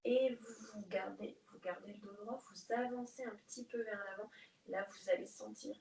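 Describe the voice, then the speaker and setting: A woman leading a guided prenatal exercise class, calmly counting breaths and giving coaching cues. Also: mid-range voice, moderate pace, gravelly, recorded from a distance, a little hiss or hum. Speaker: prenatal fitness instructor. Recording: echoey room, voice off-mic.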